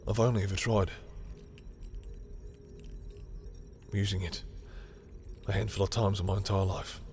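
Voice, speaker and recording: In a romantic audio drama, a male actor with a lowish voice plays a proud villain with powers who is guarded yet secretly smitten, speaking straight to the listener over music. His monologue is a weary, resigned confession, intense and halting, with swearing and occasional drops to a whisper.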